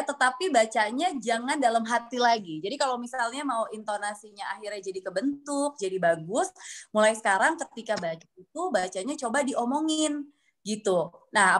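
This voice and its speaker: Woman, speaking coach, slightly high voice, friendly and explanatory, online class. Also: a bit bright. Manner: friendly, explanatory, uses frequent tag words. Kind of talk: online class, answering questions.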